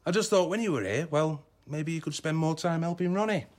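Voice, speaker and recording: An actor playing a smarmy, breezy boss in a radio sitcom, glib and chummy. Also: male voice, fairly high pitch, fairly quick, lightly acted. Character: smarmy, breezy young male boss who discards his friends.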